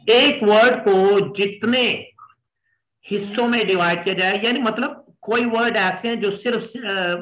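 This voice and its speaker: A man's voice: sits high, a bit bright. A middle-aged man with a Pakistani accent teaching pronunciation, patiently repeating words to drill them. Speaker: English teacher. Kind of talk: pronunciation lesson. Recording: echoey room.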